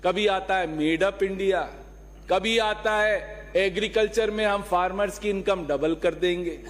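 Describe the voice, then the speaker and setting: Male lawmaker, high voice, combative floor speech with rhetorical questions, long hall reverb. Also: measured pace. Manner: argumentative, rhetorical questions, mixes in English phrases. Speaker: legislator. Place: legislative assembly hall.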